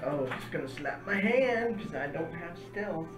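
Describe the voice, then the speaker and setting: Higher-voiced male tabletop player. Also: lively intonation, a little slow. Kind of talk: casual game-table chat. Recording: roomy, distant mic with music behind.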